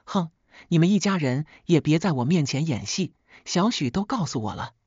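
A woman's voice: low voice, lively intonation, normal speed, a little mellow, slightly rough, no echo, muffled recording. A woman voicing a domineering old mother-in-law in a told family story, harsh and bossy.

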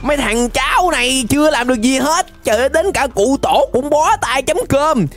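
A woman giving excited, playful Minecraft gameplay commentary, laughing often and rapidly repeating words. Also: high voice, faint music behind. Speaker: gaming channel host.

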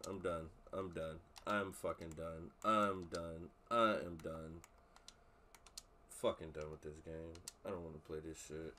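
A man's voice: deep voice, fairly bright tone, a little hiss or hum. A fed-up male game streamer reacting live, muttering the same thing over and over.

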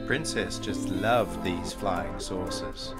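Guy doing sailing vlog voiceover, lowish voice, guitar music loud behind. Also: takes it slowly. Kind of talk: voice-over narration.

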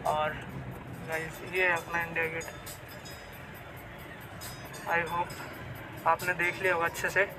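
Chatting as a travel vlogger, this young adult from Bihar has a voice on the high side with little pitch movement, and he takes it slowly with frequent pauses. He holds his phone at arm's length, repeating himself and slipping in English words, first outdoors in the city and then in a moving car. Music plays beneath the rough recording, with city traffic noise in the background.

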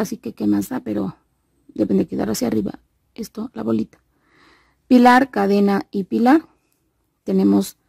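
A woman from Veracruz, Mexico, who teaches crochet and hosts a casual tutorial, has a warm, medium-pitched voice with vocal fry and a breathy edge. A molar extraction has left her with a slight lisp and mouth-full articulation. The audio is dry, clean studio sound.

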